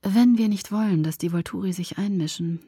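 A woman voicing a grim young male vampire soldier in a hushed, breathy whisper, brooding and slow, in an audiobook reading. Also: medium pitch, no room sound, studio quality. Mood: grave.

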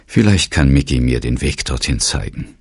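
A man's voice: very deep voice, lively intonation, moderate pace, vocal fry, husky, dry recording, studio quality, heavily acted. A man voicing a strong-willed, commanding upper-class mother in an audiobook, probing and insistent. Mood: formal.

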